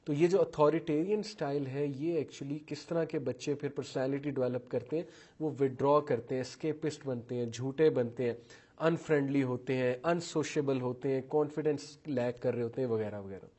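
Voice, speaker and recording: A man's voice: medium pitch, fairly even intonation, warm tone. Man lecturing on parenting, mixing English terms. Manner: mixes English terms into Urdu, lists traits one by one; acts out parents' and children's words while telling examples. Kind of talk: explanatory talk on parenting styles.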